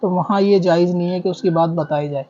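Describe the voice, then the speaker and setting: This high-pitched Islamic scholar speaks briskly and evenly as he answers questions on religious rulings. His manner is didactic, building his reasoning point by point with repetition, on a dull, lo-fi recording.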